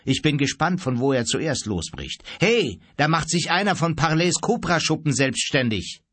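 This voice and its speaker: A hot-tempered ship captain who bellows threats and orders, as a male narrator puts him on, his voice pushed up high. There is a husky edge to it, recorded dry and close. It sounds like a storybook reading. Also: very animated, normal speed, no room sound, heavily acted. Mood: commanding. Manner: loud, threatening, commanding.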